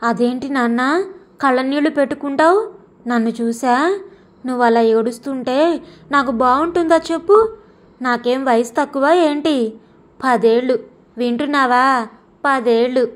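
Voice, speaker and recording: A woman voicing a frail, bedridden old grandmother who speaks gently and with resignation, in an audio story. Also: high voice, moderate pace, long pauses, natural voice. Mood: tender.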